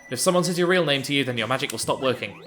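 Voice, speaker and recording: A man's voice: mid-range voice, lively intonation, rapid-fire, pushed and bright, soft background music. A man reading the lines of a sly, gossiping crow from a video game, in a conspiratorial tone.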